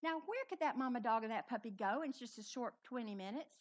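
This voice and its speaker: A middle-aged woman storyteller on a live festival stage, telling a personal story in an animated, dramatic way. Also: on the high side, brisk.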